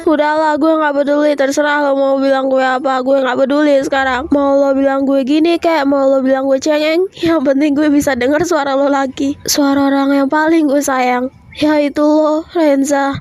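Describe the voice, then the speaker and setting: A woman voicing a stubborn, clingy teenage schoolgirl in an animated fan drama, sobbing and stammering in slangy pleas. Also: sits high, normal speed, few pauses, no echo, natural voice. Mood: earnest.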